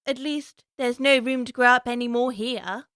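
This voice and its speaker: A woman's voice: on the high side, fairly even intonation, normal speed, a bit bright, dry recording, studio quality, close to an everyday voice. A woman playing Alice, a curious young girl chattering away to herself in a prim, wondering way, for a full-cast audiobook. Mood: musing.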